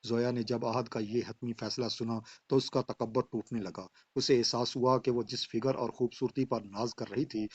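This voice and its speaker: A male storyteller narrates a scripted tale in a measured, dramatic manner. His voice sits at an ordinary middle pitch for a man. The recording sounds muffled and close, with no room around it. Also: darkish tone, slightly rough, no echo. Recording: dull, dry lo-fi voice track.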